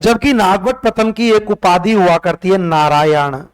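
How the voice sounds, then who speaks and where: A man's voice: high voice, moderate pace, smooth, poor audio. A man teaching history, drilling facts through repeated questions and sing-song counting in call-and-response revision.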